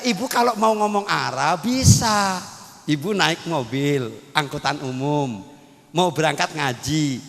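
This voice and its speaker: In a large hall, a man with a high, gravelly voice preaches a humorous Islamic sermon. He playfully teases and jokes with the audience, calling out to them as he goes.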